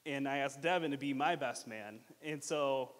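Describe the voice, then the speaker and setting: A man giving a rambling, informal and joking best man speech at a wedding, halting along with false starts and repeated fillers. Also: mid-range voice. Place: reverberant hall at a wedding reception. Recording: long hall reverb.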